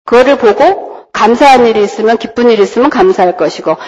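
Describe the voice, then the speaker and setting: A woman's voice: fairly high pitch, fast talker, a little mellow, dull audio. A woman pastor preaching a sermon, often putting questions to the congregation. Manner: asks the congregation rhetorical questions.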